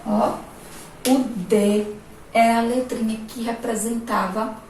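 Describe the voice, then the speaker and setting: Woman teacher, Brazilian Portuguese accent, slow and fairly high, very echoey room, set back from the mic. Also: fairly even intonation, darkish tone, a little hiss or hum. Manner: slow, syllable-by-syllable teacher talk with diminutives. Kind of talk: remote lesson for young children. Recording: echoey distant room mic, faint ambience.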